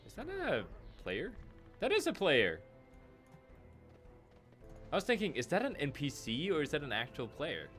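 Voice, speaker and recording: A man's voice: a little high, wildly swooping pitch, normal speed, pauses often, fairly bright tone. A man chatting casually on a live stream while he plays a game, joking and laughing at his own jokes and scolding his pet, with faint game music behind.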